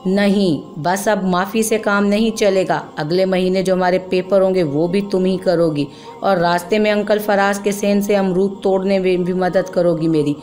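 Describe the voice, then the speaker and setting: A woman's voice: mid-range voice, steady tone, moderate pace, darkish tone, faint music behind, close to an everyday voice. Woman voicing a spoiled, bullying little boy. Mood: bossy. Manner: threatening, mocking.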